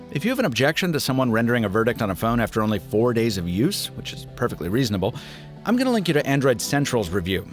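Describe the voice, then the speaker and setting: Lively male tech reviewer over faint music. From United States. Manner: lively, emphatic delivery with wide pitch swings. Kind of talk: scripted tech review narration.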